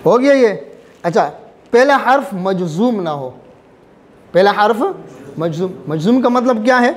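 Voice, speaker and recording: A man teaching a recitation class, drilling his students with repeated check questions and reciting examples slowly, letter by letter. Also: high voice, lively intonation, slight background noise. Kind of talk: classroom lesson.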